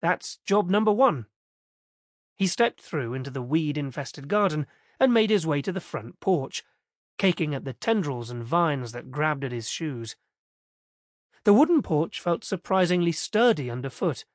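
A man narrating an audiobook in a steady, measured storytelling manner. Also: a little high, no room sound, studio quality.

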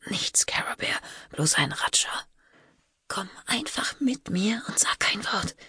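A woman voicing a panicked teenage girl who urges her little sister in hushed, urgent whispers, as whispered role-play. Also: mid-range voice, animated, slow, breathy edge, no room sound, studio quality, voice pushed up, exaggerated voice.

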